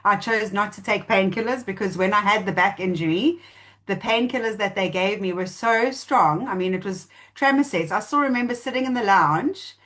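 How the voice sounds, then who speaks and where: A woman shares her own story in a long, flowing account. She sounds earnest and moved, speaking at a middling pitch in an ordinary, natural voice. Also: moderate pace, fairly bright tone. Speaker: testimonial speaker. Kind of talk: personal testimony at an online presentation.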